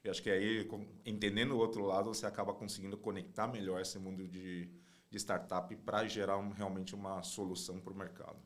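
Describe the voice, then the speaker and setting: A man's voice: deep voice, little pitch movement, fairly quick. A man in his forties from Taiwan, a consulting partner telling his career story as a podcast guest, often tagging his sentences with "né?". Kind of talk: relaxed interview conversation.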